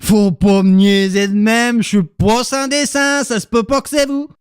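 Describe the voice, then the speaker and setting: A man's voice: high voice, fairly even intonation, measured pace, smooth, dry recording, clean studio sound. A man doing a brash Québécois explorer. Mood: incredulous. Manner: blunt, impatient, slangy. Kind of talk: comedic radio play.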